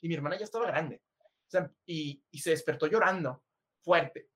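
A Mexican-accented man with a fairly high voice tells a personal ghost story on a podcast. He is casual and animated, drops slang freely and laughs often as he talks. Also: moderate pace. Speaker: podcast co-host.

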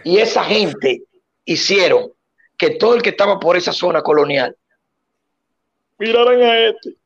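A man telling a comic story in an animated way, acting out voices and shouting punchlines. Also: high-pitched, a little slow. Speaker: guest. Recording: dull lo-fi sound.

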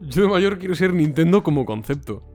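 A man with a Spain Spanish accent co-hosts a podcast in easy, joking chat. His pitch jumps around a lot as he plays up his stories. Faint music sits under his voice. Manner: jokey, animated, slips into mock voices. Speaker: podcast co-host. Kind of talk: casual chat.

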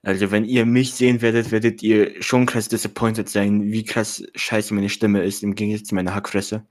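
Low-voiced young man, self-mocking podcaster. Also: little pitch movement, normal speed. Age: teenager or young adult. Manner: self-mocking, slangy with English phrases mixed in. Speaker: podcast co-host. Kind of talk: casual podcast banter.

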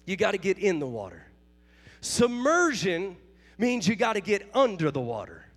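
High-voiced fervent preacher in a reverberant sanctuary. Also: male voice, huge pitch swings, fast, slightly rough. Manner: fervent preaching with call-and-response. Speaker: pastor. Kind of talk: revival sermon. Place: church sanctuary.

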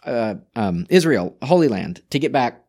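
Male podcast co-host, mid pitch, casual history talk, reads quotes, frequent restarts. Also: very animated, normal speed, a little mellow. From Czech Republic.

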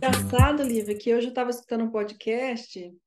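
A woman's voice: on the high side, fairly even intonation, fairly quick, music in the background. A Brazilian woman with a Brazilian Portuguese accent, hosting a casual podcast and chatting with tag questions. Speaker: podcast host.

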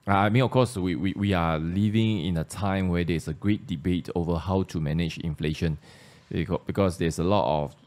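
A Malaysian man with a very low voice hosts a podcast discussion. He speaks in a casual, thoughtful way, circling back and repeating words while he works through an idea. His English carries a clear Malaysian accent. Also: moderate pace, darkish tone. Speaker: podcast host.

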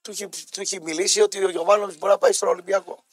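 High-voiced male co-host, teasing. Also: little pitch movement, breathy edge, dry recording. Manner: short interjections, teasing. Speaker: radio sports show co-host. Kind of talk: casual sports radio banter.

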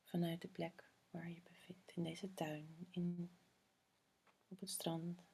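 Soft, breathy half-whispering woman guiding meditation. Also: on the low side, little pitch movement. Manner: slow, soothing spa-like delivery with long pauses. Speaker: meditation guide. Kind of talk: guided meditation.

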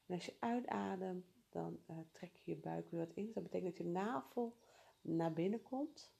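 A woman leading a guided breathing exercise in a calm, soothing, unhurried way. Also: lowish voice, vocal fry.

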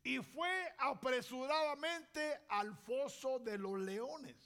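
A man with a very high voice preaches a sermon at a crawling, deliberate pace. His tone carries a gravelly creak, and he poses rhetorical questions between long pauses. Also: pushed and bright.

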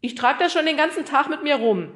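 A woman voicing an easygoing, dreadlocked male postman in an audiobook, chummy and loud. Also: high-pitched, lively intonation, brisk, pitched above the performer's own voice.

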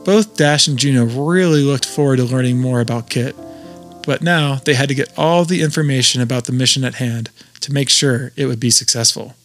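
A man's voice: mid-range voice, a little fast, a bit bright. Man narrating a children's story. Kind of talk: scripted narration. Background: music.

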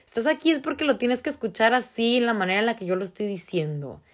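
Mexican woman, podcast host, earnest motivational talk, slangy, restarts a lot, fairly high voice. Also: quick pace.

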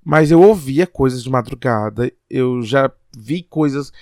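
A man's voice: medium pitch, unhurried, a little mellow, no room sound, clean studio sound. Reflective man. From Piauí, Brazil. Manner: reflective, hesitant, thinks aloud. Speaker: podcast co-host. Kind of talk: casual podcast chat.

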